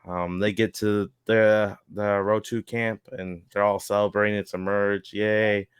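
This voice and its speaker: Male podcast co-host, casual recap chat, filler-heavy; smooth, low voice, dry. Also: flat delivery, measured pace, no room sound. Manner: rambling, lots of fillers and chuckles.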